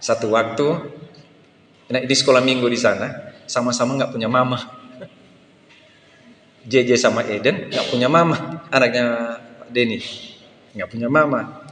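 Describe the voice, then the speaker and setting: A man's voice: mid-range voice, normal speed, long pauses, a bit bright. An older man preaching a sermon at a church service, telling stories animatedly and acting out children's voices. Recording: echoey hall with faint noise.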